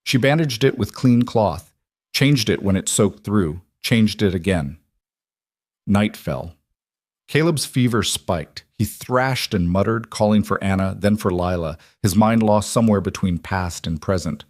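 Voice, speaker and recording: A man reading a scripted frontier story in a steady, measured way. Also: lowish voice, no echo, clean studio sound. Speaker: narrator.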